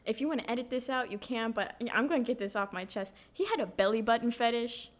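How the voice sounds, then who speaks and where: A young woman co-hosting a podcast, telling stories in a casual, animated way with lots of fillers. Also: on the high side, fast talker. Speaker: podcast co-host. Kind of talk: casual chat.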